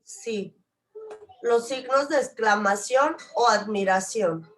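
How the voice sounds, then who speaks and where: Woman student reading slowly. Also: fairly high pitch, fairly bright tone, low-quality recording. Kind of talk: reading a slide aloud.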